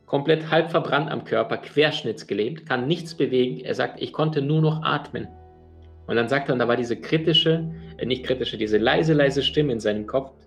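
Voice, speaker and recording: A man's voice: medium pitch, normal speed, hardly any pauses, soft background music. A man giving a motivational talk, addressing the listener directly and telling stories earnestly, with frequent fillers and restarts. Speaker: motivational speaker.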